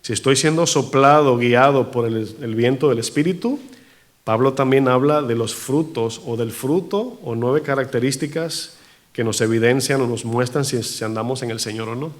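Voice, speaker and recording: A man preaching a sermon in a church, animated, asking the congregation rhetorical questions. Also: mid-range voice, normal speed. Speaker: pastor.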